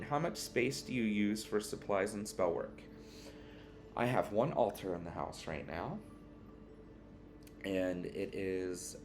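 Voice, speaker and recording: A tired man answering tag questions in a relaxed, rambling casual chat at home, yawning now and then. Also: deep voice. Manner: relaxed, rambling, with fillers and restarts. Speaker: witchcraft vlogger answering a tag. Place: one-bedroom apartment.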